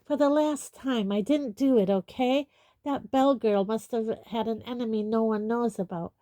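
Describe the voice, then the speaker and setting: A woman's voice: a little high, measured pace, mellow, no echo. A woman voicing an arrogant, defensive teenage boy who snaps angrily. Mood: angry, defiant. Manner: angry, snappish.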